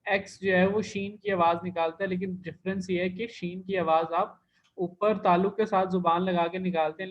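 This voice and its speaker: A man teaching an online language class, explaining patiently step by step and repeating key terms. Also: sits high. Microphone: computer mic in an online class. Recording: dull lo-fi online class recording.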